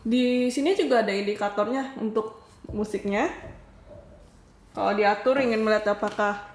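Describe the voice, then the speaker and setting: A woman's voice: medium pitch, fairly even intonation, normal speed. A woman reviewing a product in a casual demo, talking viewers through it step by step in a chatty way. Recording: echoey room with faint noise.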